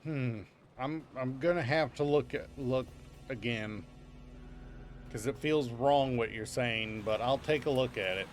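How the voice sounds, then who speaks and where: A man's voice: mid-range voice, a little slow, soft background music. A man chatting casually on a gaming stream, thinking aloud and repeating his phrases.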